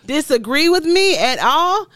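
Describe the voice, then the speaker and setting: At home, a middle-aged woman co-hosts a podcast, bantering casually with her partner in a teasing, exasperated, slangy way. Her voice sits high with big pitch swings, a bit bright, and she speaks a little slowly.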